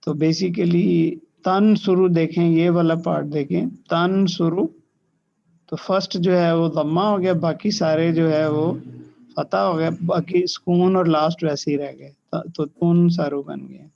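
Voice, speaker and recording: Man teaching grammar, gravelly voice. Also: fairly high pitch, steady tone, a little mellow, highs cut off. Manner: slow, drawn-out recitation of verb forms between quick explanations; mixes in English terms and checks in with "theek hai". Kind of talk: online grammar lesson, explaining a table on screen.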